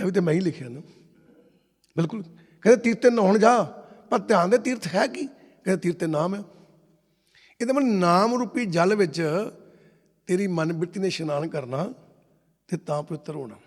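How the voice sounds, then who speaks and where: A man's voice: sits high, a little mellow. A man preaching a sermon, telling stories and acting out the dialogue of the people in them. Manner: storytelling, acts out dialogue in quotes. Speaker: Sikh preacher. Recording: long hall reverb.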